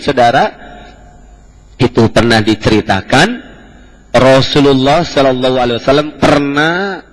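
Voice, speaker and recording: A male preacher giving a lecture on hadith, explaining at length with casual colloquial asides. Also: medium pitch. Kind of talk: Islamic study lecture. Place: mosque hall in Jakarta. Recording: echoey mosque hall.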